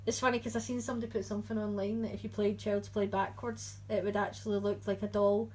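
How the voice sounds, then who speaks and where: A woman's voice: medium pitch, level tone, quick pace, darkish tone, slightly rough, poor audio. A woman co-hosting a casual podcast chat, chatty and often searching for her words. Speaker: podcast co-host. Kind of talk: casual chat about horror movies.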